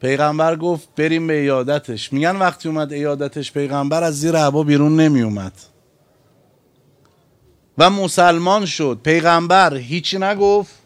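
Male cleric, sermon, fairly high voice, rhetorical questions, slow emphatic phrases. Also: clear, resonant tone.

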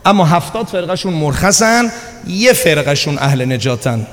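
A man preaching a sermon, telling stories and acting out the dialogue, with swings between loud urging and hushed, low asides. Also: lively intonation. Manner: storytelling, acting out quoted dialogue. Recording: long reverb of a large hall.

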